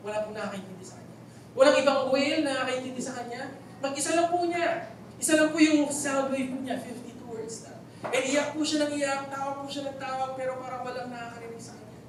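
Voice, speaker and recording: A man with a Filipino accent, preaching a sermon in a church hall, telling stories with jokes and asking the congregation questions. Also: very high-pitched. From Philippines. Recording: very echoey hall, voice from far off, faint noise.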